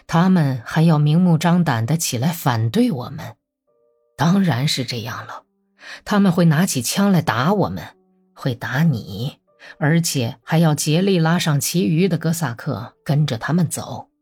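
A woman voicing an elderly calm Bolshevik man who lectures slowly and coldly. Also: low voice, husky. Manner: slow, level, lecturing.

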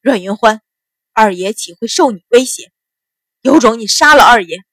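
A woman voicing a defiant captive nobleman who shouts loud insults in a storybook reading. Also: fairly high pitch, lively intonation, moderate pace, dry recording.

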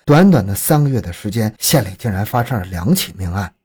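A man's voice: lowish voice, big pitch swings, brisk, darkish tone, slightly rough. A man narrating a scripted true crime story in a dramatic, suspenseful storytelling manner.

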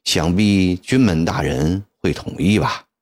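A man's voice: low voice, unhurried, voice pushed down. A man voicing a fussy, talkative male civil official who speaks in a wordy, deferential way. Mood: persuasive.

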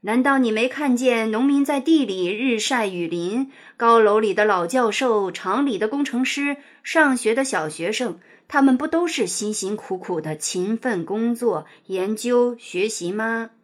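A woman voicing a proud, earnest old male rooster in a children's storybook, speaking in a steady, lecturing way. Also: on the high side, measured pace, hardly any pauses.

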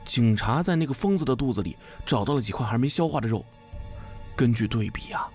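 A smug young man relishes a creepy tale, teasing and conspiratorial, as a male storyteller puts him on. His pitch swings widely and sometimes sinks to a hush. Faint music hums behind the audio story. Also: lively intonation, fairly quick, lightly acted. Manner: teasing, conspiratorial, drops to a hushed whisper.

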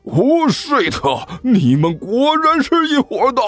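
A man voicing a hot-headed young man who shouts in a high, shrill, furious voice. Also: wildly swooping pitch, unhurried, slightly rough, faint music behind, full character voice.

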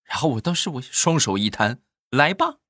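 A man's voice: medium pitch, lively intonation, a little fast, a bit bright, no echo, clean studio sound. A man, telling a string of short jokes in a chatty storytelling manner. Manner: chatty, storytelling with frequent "啊" tags. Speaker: comic storyteller.

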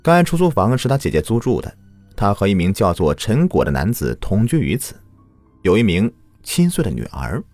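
Low-pitched, animated male true crime narrator. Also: moderate pace, dry recording, faint music behind. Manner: dramatic storyteller with rhetorical questions.

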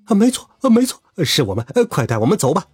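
A man voicing a cowardly, panicky male gang boss who shrieks and begs in a husky voice. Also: high-pitched, huge pitch swings, fast talker, a little mellow, soft background music, exaggerated voice. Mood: begging. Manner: shrieking, pleading.

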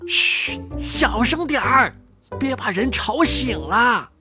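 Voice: mid-range voice, huge pitch swings, unhurried, music in the background, pitched above the performer's own voice. A storyteller voicing nervous, greedy thieves in a storybook reading, stammering and jumpy. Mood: hushed.

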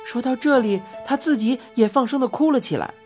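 Woman narrating a storybook, expressive, fairly high voice, faint music behind. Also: fairly quick. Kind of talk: storybook reading.

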